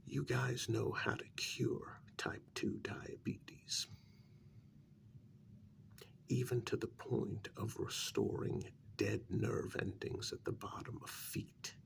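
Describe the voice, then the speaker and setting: Half whispering through an ASMR role-play, this man has a lowish, breathy, creaky voice and a steady tone. He moves slowly and haltingly from one short phrase to the next.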